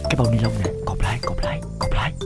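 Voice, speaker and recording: A man's voice: medium pitch, animated, rapid-fire, creaky, soft background music. An actor playing a gleeful man celebrating a scheme.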